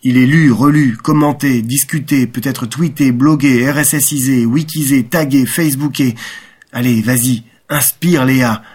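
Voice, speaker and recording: Guy reading a dreamy young romantic talking to himself, fervent but ironic, mid pitch. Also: steady tone, moderate pace, a little mellow, slightly rough, close to an everyday voice. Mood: exalted. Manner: impassioned inner monologue, ironic. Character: young man, romantic and self-mocking. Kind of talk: audiobook reading.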